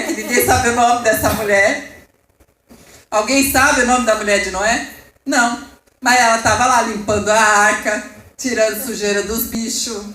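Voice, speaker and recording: Preaching with passion in a church hall, this Brazilian Portuguese-accented woman rises and falls in intensity and speaks asides to the congregation. Her voice sits on the high side with a fairly bright tone, and the rough recording is roomy, with slight background noise.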